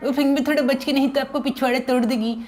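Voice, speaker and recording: A man's voice: very high voice, steady tone, fast, a little mellow, faint music behind, pitched above the performer's own voice. A man voicing a cheeky, mischievous little cartoon boy, with a childish whiny lilt in gaming banter. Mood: teasing. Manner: childish whiny lilt, starts lines with "uff, phir bhi". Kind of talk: gaming let's-play banter.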